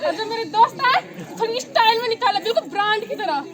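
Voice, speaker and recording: A woman's voice: very high voice, lively intonation, fast talker, very noisy. A girl acting in a school stage play as a vain, scolding mother-in-law, bossy and scornful. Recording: loud crowd, outdoor stage.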